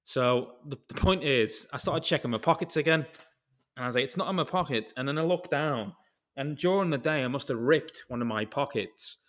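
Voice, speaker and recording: Here's a concrete craftsman from Britain guesting on a podcast, talking fairly quickly in an animated, medium-pitched voice. It's relaxed chat full of meandering stories that wander off on tangents and include an occasional curse.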